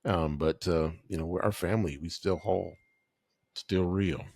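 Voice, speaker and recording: A man's voice: sits low, fairly even intonation, moderate pace, a little mellow, slightly rough, dry recording. A man in his forties chatting casually as a podcast guest, slangy and laughing often as he tells stories. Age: 40s. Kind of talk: casual storytelling chat.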